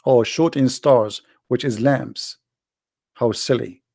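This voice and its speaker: This daily broadcast host, a man whose first language is Arabic, addresses viewers directly in a forceful, blunt livestream sermon. His raspy mid-range voice is warm and slow-paced. There's no room echo; the recording is dry and close.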